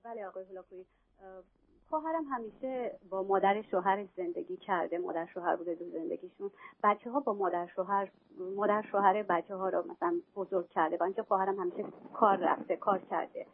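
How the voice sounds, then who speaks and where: Hesitant woman caller on a phone line. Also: mid-range voice. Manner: hesitant, with fillers. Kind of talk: phone-in question.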